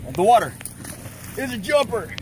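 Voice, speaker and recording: A man's voice: high voice, big pitch swings, normal speed, a little mellow. A man in his forties, filming his own fishing trip on a harbor pier and chatting casually and easily as he goes. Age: 40s. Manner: easygoing, chatty, laughs often. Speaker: fishing vlogger. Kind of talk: casual outdoor vlog commentary. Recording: outdoor harbor noise.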